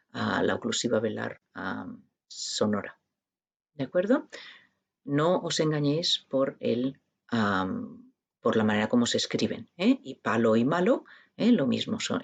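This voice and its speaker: A woman's voice: rumbling low, vocal fry, breathy edge. A woman with a peninsular Spanish accent giving a university linguistics lecture. She explains step by step and keeps checking in with her students through tag questions. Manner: addresses students informally.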